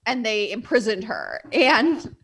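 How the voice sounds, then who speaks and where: Animated young woman, higher voice. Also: slow pace, slightly rough. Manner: animated, acts out characters' lines with exaggerated voices. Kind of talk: casual movie discussion.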